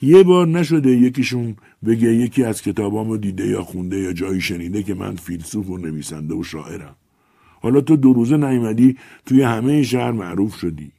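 A man voicing an indignant older male writer who complains loudly and insistently. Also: lowish voice, gravelly, slightly rough, no room sound, studio quality, pitched above the performer's own voice. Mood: aggrieved.

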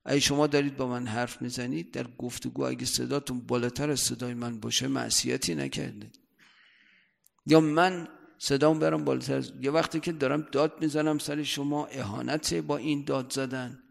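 Male seminary cleric, heavy vocal fry, conversational lecture with loud bursts of emphasis, reverberant hall. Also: medium pitch, fairly even intonation. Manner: conversational, often checks listeners' understanding; rises sharply in loudness for emphasis. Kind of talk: religious lecture.

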